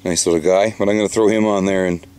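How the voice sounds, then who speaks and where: A man's voice: low-pitched, steady tone, quick pace, darkish tone, smooth. A man on a small fishing boat, chatting casually and joking to the camera, swearing freely. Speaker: fishing vlogger. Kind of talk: casual outdoor chat with jokey commentary. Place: small fishing boat on a marshy bay outdoors.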